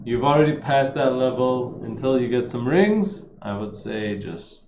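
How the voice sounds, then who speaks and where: A man casually answering viewers' fitness questions on a livestream, relaxed and chatty, often saying "man" and "like". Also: medium pitch, measured pace, background noise. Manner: laid-back, says "man" and "like" a lot, reads questions aloud. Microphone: streaming setup. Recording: roomy, slightly dull livestream audio.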